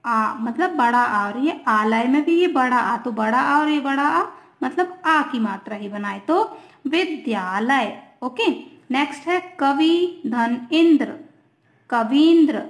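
Female teacher, high voice, slow patient delivery, English words mixed in, roomy echo. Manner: repeats "theek hai na" often, mixes English words; slow, drawn-out reading of examples. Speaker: Hindi grammar teacher. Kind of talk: online class lesson. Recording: echoey room.

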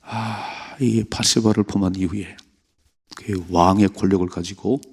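A middle-aged man preaching an early-morning sermon with a gravelly, husky, fairly low voice. He is emphatic, acting out prayers and rebukes along the way. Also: steady tone, unhurried, a little mellow. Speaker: pastor.

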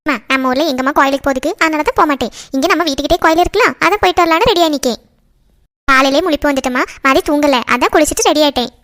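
A woman voicing a heartbroken, proud young woman in a cartoon, speaking quickly and sharply. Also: sits high. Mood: cheerful. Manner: quick, sharp delivery that turns tearful and defiant. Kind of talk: cartoon voice acting.

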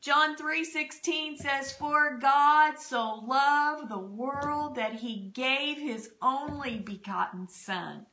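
On a church broadcast, a middle-aged woman pastor prays fervently and quotes scripture, offering prayer and testimony. She speaks into a desk podcast mic in her home dining room. Her voice is high-pitched and sharp, slow yet with hardly any pauses.

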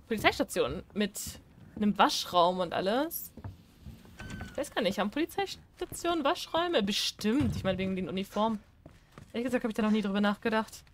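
A woman casually commenting on a horror video game as she plays, chatting to the game's characters and swinging between shrieks and low mumbling. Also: slight background noise. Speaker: gaming streamer. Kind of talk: casual Let's Play commentary.

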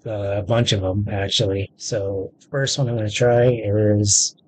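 The audio is poor, carrying a little hiss or hum beneath faint game music and video game sounds. A thirtysomething gaming video host speaks in an unhurried, fairly low, fairly even voice, giving casual, rambling let's-play commentary.

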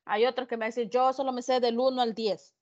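A woman's voice: on the high side, steady tone, a little fast, darkish tone, muffled recording. A woman teaching an English class online, explaining patiently and repeating the numbers. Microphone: video call.

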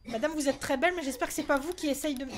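Jumpy high-voiced woman streamer. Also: racing, noisy background. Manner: jumpy, anxious, swearing and exclaiming. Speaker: streamer playing a horror game. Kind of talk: live gaming commentary.

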